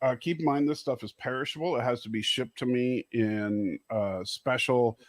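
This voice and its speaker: A man's voice: medium pitch, moderate pace, no room sound, studio quality. Man hosting a casual talk show. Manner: reads out viewer comments, laughs often. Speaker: host. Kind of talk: casual chat.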